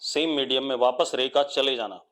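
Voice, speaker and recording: Man, Indian accent, physics teacher, online class, coaxing, repeats questions, slow dictation. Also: medium pitch, fairly even intonation, fairly bright tone. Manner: dictates slowly in English. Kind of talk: live online lecture.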